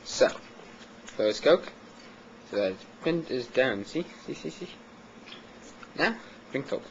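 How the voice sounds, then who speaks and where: A man's voice: medium pitch, animated, slow. A man in casual chat, playfully telling someone how it is done. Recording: dull lo-fi audio, loud background noise.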